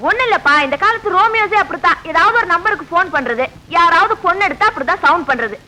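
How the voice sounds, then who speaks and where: A woman's voice: very high-pitched, lively intonation, quick pace, pushed and bright, slight background noise, full character voice. An actress playing a spirited young woman who teases and stands her ground, in a 1970s film scene. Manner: playful teasing, then spirited. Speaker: young woman in love, daughter.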